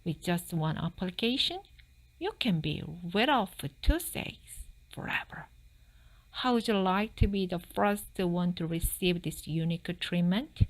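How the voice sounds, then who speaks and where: A woman voicing a serious male dentist in a storybook, crafty and polite, with a firm, formal, measured manner. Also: lowish voice, animated, low-quality recording. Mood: persuasive.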